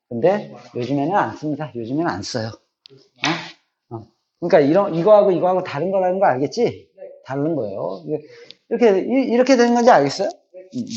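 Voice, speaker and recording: A man's voice: sits high, dull audio. A middle-aged man teaching a math class, repeating key points and often checking that students follow.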